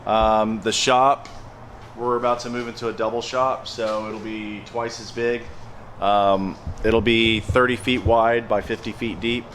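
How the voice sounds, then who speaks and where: A man's voice: lowish voice, level tone, unhurried, a bit bright, slight background noise. A man running a landscaping business talks casually to a handheld camera, plain-spoken and emphatic, often repeating his phrases. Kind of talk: casual vlog talk to camera.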